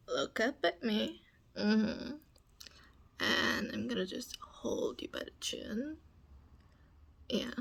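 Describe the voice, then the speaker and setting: Whispered role-play: young woman as a teasing, bossy roommate, breathy, slow. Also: a little high, full character voice. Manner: teasing, commanding, soft whispering. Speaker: ASMR performer.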